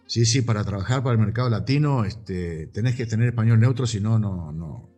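A man's voice: lowish voice, fairly quick, breathy edge, soft background music. A man in his fifties with a Rioplatense Argentine accent, a voice actor talking animatedly in a casual interview. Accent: Rioplatense Argentine Spanish. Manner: animated, gesturing storyteller. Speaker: voice actor guest. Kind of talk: casual interview over a call.

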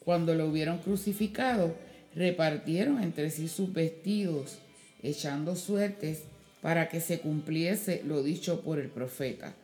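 A woman reading scripture aloud in a slow, measured way during a church service. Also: low-pitched, a little mellow, soft background music. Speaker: scripture reader. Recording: echoey room.

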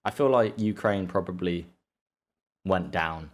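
A young man co-hosting a casual podcast. His voice sits a little low, and he talks in long, rambling, sweary stretches that rise when he gets into a story. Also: unhurried. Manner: sweary, rambling, animated retelling. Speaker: podcast co-host. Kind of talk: casual chat.

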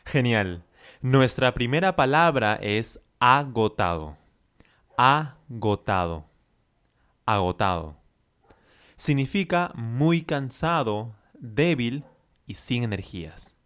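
A man teaching as a Spanish coach, enunciating slowly and carefully through repeat-after-me drills and praising the listener often. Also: medium pitch, sing-song, fairly bright tone.

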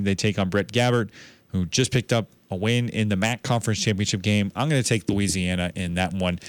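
A man hosting a sports show, running through college football bowl predictions in a brisk, confident way. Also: lowish voice, no echo. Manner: brisk, confident picks with a self-correcting aside.

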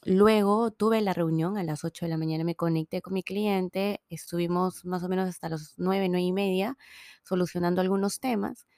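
A woman's voice: lowish voice, fairly even intonation, normal speed, warm tone, no echo, clean studio sound. A woman, hosting a podcast in a chatty, casual monologue full of fillers and restarts, sounding a little tired. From Peru. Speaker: podcast host.

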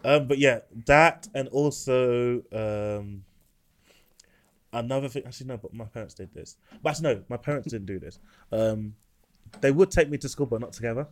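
A young man with a London accent, chatting casually in a slangy, halting way. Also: mid-range voice. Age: young adult. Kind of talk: casual group chat.

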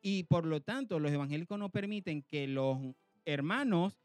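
A man with a Venezuelan Spanish accent from Zulia, co-hosting a podcast and telling a story in casual chat, animated and laughing often. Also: fairly high pitch, moderate pace, dry recording. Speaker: podcast co-host.

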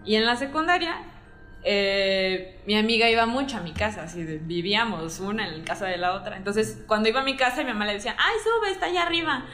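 Faint music and a roomy echo surround a woman with a Mexican accent as she tells a story casually, voicing the people in it and acting out their dialogue. Her medium-pitched delivery is a little fast and animated.

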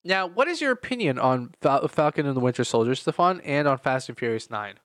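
A man's voice: mid-range voice, sing-song, brisk, fairly bright tone, dry recording, clean studio sound. A man co-hosting a casual chat, loose and talkative, often eating while he speaks. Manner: chatty, eats while talking, laughs often. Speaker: podcast co-host.

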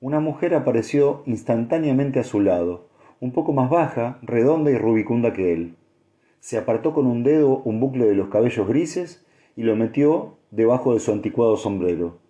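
A man narrating an audiobook in a steady, measured reading. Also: medium pitch, highs cut off. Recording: echoey room.

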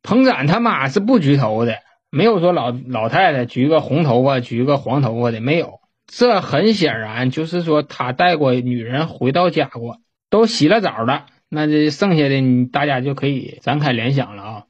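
Husky man. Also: mid-range voice, expressive, normal speed, muffled recording. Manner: folksy, swears casually. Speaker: storyteller. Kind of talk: casual storytelling.

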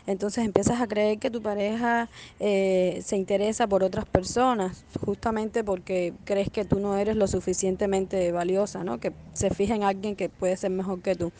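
A woman leaving a voice message that gives her opinion calmly and thoughtfully. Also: medium pitch, moderate pace, hardly any pauses, slight background noise. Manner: thoughtful, steady, uses fillers. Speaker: listener sending a voice message. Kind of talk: casual opinion.

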